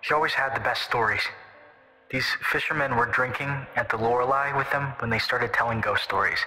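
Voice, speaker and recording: Over reverberant audio with music underneath and a slight hiss or hum, a man with a bright, forceful, medium-pitched voice acts in a fan audio drama. He plays a terse, touchy young man who calls in as a guest to tell a local ghost story, starting curt and gruff before settling into slow storytelling.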